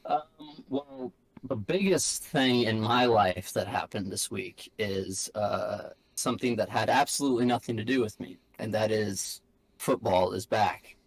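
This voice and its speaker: A man's voice: on the low side, expressive, measured pace, vocal fry, no room sound, poor audio. A man co-hosting a podcast over a video call, chatting casually in a laid-back, dry way. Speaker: podcast co-host. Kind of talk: casual chat. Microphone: video call microphone.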